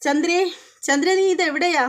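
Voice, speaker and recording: A woman's voice: high-pitched, quick pace, lightly acted. A woman voicing a bossy middle-aged husband who calls out and gives orders. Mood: commanding. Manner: calling out, commanding.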